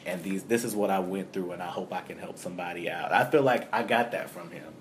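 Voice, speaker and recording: Low-voiced man in casual rambling chat. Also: fast talker. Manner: relaxed, rambling, laughs often. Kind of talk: casual chat about music. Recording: low rumble and faint noise.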